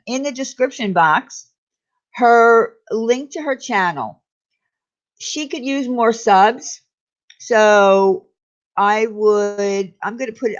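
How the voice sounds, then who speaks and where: This slow-talking woman from New York hosts a livestream, reading out viewer comments casually in a mid-range voice. She rambles, chats freely and laughs easily, all on dull lo-fi audio.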